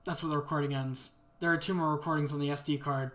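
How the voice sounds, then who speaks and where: A young man playing a game, reading notes aloud and stumbling over words as he thinks out loud. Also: fairly high pitch, fairly even intonation, quick pace, background noise. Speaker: gamer. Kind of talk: let's play commentary.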